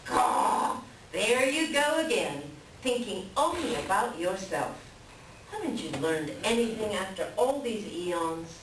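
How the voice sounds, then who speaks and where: A woman's voice: medium pitch, very animated, slow pace. A woman playing a crafty, scolding, teasing raven with pointed, theatrical delivery in a readers theater animal tale. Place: library readers theater performance. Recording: roomy, distant mic, faint background hiss.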